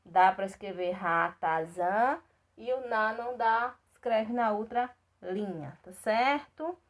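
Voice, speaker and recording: Speaking with a Brazilian Portuguese accent in a mid-range voice, a primary school teacher guides young children through a recorded remote lesson. She sounds out each syllable slowly and clearly, repeats herself patiently, and keeps checking in with "tá certo?" to confirm they follow.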